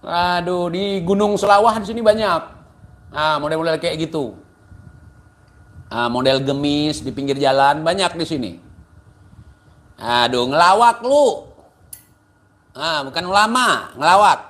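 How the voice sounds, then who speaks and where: High-voiced man ranting mockingly. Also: a little slow, pauses often, a bit bright. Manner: mocking, insulting, taunting. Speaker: commentator. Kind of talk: ranting commentary.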